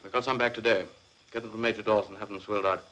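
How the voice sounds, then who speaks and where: An actor playing a stern colonel who gives strict, clipped orders to fellow prisoners in a film. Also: male voice, on the low side, steady tone, rapid-fire, sharp tone, dull audio, a little hiss or hum. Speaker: senior officer in a prison camp.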